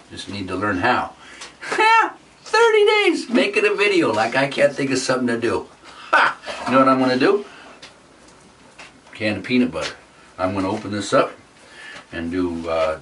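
A man's voice: lowish voice, fairly bright tone, recorded from a distance, a little hiss or hum. A man vlogging in a playful, mock-indignant, boastful way in a room at home. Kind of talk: playful comic vlog.

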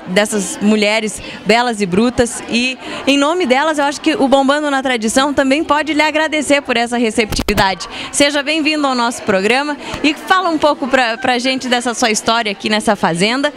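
Young female field reporter, chatty and upbeat, handheld mic, busy crowd behind. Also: fairly high pitch. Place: indoor hall at a farm event.

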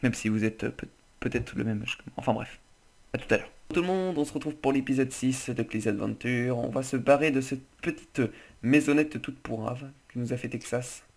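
A man's voice: medium pitch, a little fast, vocal fry, darkish tone. A man hosting casual game commentary, chatty and loose, joking and swearing casually. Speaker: gaming channel host.

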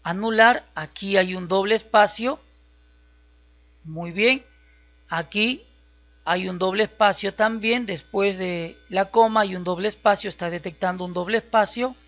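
A teacher narrates a screen-recorded software lesson at a mid-range pitch. The delivery is patient and goes one step at a time, with frequent check-ins. The audio is a bit dull and lo-fi. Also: unhurried. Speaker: computer skills instructor. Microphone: voice-over on a screen recording.

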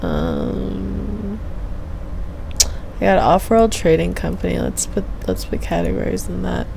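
A woman's voice: lowish voice, huge pitch swings, slow pace, creaky, mellow, a little hiss or hum, poor audio. A young woman chatting casually on a game stream in a hesitant, meandering way, half muttering to herself into a headset mic. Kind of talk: casual rambling stream chat. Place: small room at home, indoors. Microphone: gaming headset mic.

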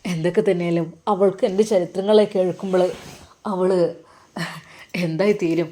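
A woman dropping her voice to play an uneasy young man, speaking low and hushed. He hesitates between his words. This is heard in a storybook telling. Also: fairly even intonation, normal speed, natural voice. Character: young man, worried and uncertain.

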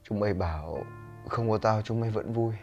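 A man's voice: lowish voice, moderate pace, darkish tone, natural voice. A man playing weary overworked young man. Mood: regretful. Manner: apologetic, weary confiding. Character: young man Hiếu, lonely overworked shop owner. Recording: muffled audio over music. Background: music.

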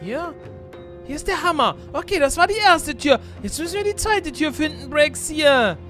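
Bright, lively woman gaming streamer. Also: sits high, moderate pace, faint music behind. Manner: jumpy, exclaiming, repeats words in bursts. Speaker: gaming YouTuber. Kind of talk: excited gameplay chat.

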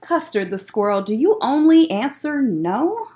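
Reading picture books to children, this young story time host speaks a bit slowly in a somewhat high voice with wide pitch movement. She's an expressive librarian who stops now and then for offhand remarks about the pages, surrounded by bookshelves in an indoor library room.

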